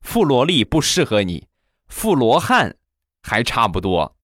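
A man hosting a comedy show, telling funny anecdotes in a chatty, animated manner and acting out the voices. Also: medium pitch, a little slow, background noise. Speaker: comedy host. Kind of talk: comic storytelling.

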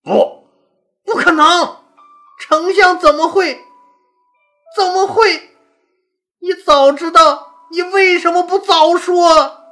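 A weak young emperor, stammering and frantic, as a woman storyteller puts him on. The voice rides well above her usual pitch, lively and bright. Faint music plays underneath. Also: unhurried, full character voice. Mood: panicked. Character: young weak male emperor, panicked and helpless.

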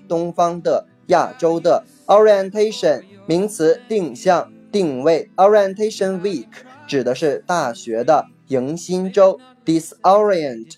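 A vocabulary teacher giving a recorded lesson, patiently explaining, repeating each key word twice and spelling it out slowly letter by letter. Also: medium pitch, darkish tone. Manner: spells words letter by letter, slow and deliberate.

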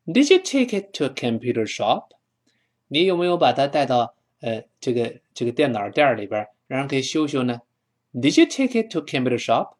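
A man with a Mandarin accent teaches English, and his pitch swings widely as he explains. He drills each word slowly and has his students repeat after him. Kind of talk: language lesson.

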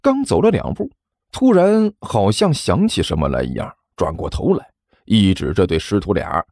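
A male audiobook narrator with a low voice that swoops widely up and down as he tells the story. The recording is dry and close, with faint music underneath. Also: normal speed, no room sound. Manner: expressive storytelling.

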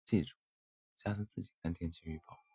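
A man's voice: low-pitched, steady tone, brisk, gravelly, warm tone, slightly rough, heavily acted. A man voicing a kind, teasing young girl fox in a storybook tale, playful and caring.

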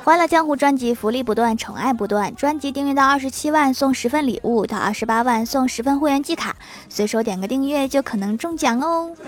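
A woman with a fairly high voice hosts a comedy audio show. She reads her scripted jokes in a playful, teasing manner and lands each punchline quickly. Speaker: host of a comedy sketch podcast.

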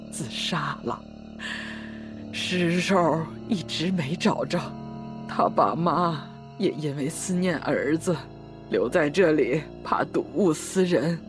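A woman voicing an elderly grandmother in an audio drama, tender and worried, talking slowly with heavy sighs. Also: low-pitched. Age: older. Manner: slow, coaxing, sighing.

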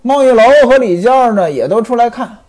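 A man's voice: very high-pitched, lively intonation, a little fast, a little mellow. A man telling a classical novel as a storyteller, chatty, with explaining asides.

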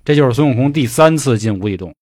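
A male co-host recaps a story in laid-back, slangy chat, dropping casual swears. His voice sits at a middle pitch with an easy, unhurried delivery. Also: lively intonation, darkish tone. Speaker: podcast co-host.

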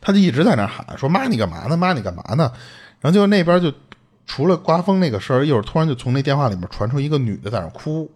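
A man tells a listener's creepy story at a quick clip. His voice swings widely up and down as he acts out the quoted lines. The tone is a little husky. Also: on the high side. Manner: animated, swearing, acts out quoted speech. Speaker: podcast host retelling a listener's story. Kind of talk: casual storytelling chat.

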